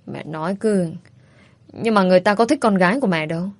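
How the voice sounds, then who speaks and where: A woman's voice: fairly low pitch, quick pace, dry recording. A woman voicing a bold young woman who talks bluntly and playfully. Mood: pleading. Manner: blunt, teasing.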